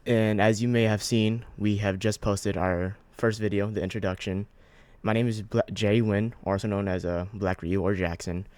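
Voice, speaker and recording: A man with a somewhat low voice hosts a casual interview, recorded dry and close with no room sound. He asks his questions in a rambling, hesitant way, restarting often. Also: flat delivery, normal speed, a little mellow, no echo. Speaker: host, interviewer.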